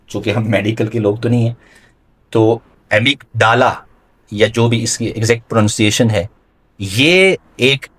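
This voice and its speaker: A man with a somewhat low, slightly bright voice, a religious scholar lecturing a class. He quizzes his listeners with questions and sprinkles English terms into his explanations.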